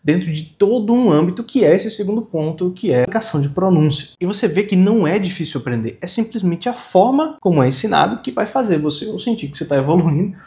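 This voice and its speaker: A young Brazilian man runs a casual video lesson with a fairly high voice. He is informal and energetic, and has learners repeat words after him again and again. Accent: Brazilian Portuguese. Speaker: English teacher.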